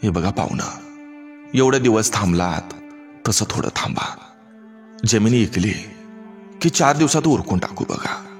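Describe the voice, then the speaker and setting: A man voicing a humble, pleading village father with a rural Marathi accent, speaking softly and tearfully. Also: on the low side, lively intonation, a little slow, pauses often, faint music behind. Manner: soft, begging and tearful.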